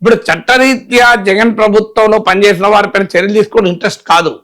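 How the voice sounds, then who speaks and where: A man's voice: sits high, rapid-fire, fairly bright tone. A man giving political commentary, emphatic and full of rhetorical questions. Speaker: political analyst.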